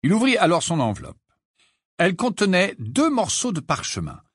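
A man narrates an audiobook with lively, dramatic swings in tone. His voice has a husky grain, recorded close on a studio mic with a dry sound. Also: high-pitched, moderate pace, dry recording. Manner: animated, dramatic storytelling. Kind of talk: expressive audiobook reading.

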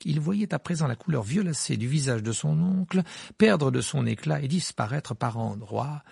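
A man reading an audiobook in expressive scripted narration. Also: mid-range voice, creaky, slightly rough, no room sound, clean studio sound.

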